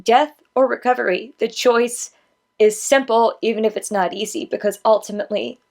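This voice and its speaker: A woman's voice: fairly high pitch, fairly even intonation, moderate pace, creaky, darkish tone. A woman in her thirties reflecting candidly as she comments on an older video of herself. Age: 30s. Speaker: vlogger.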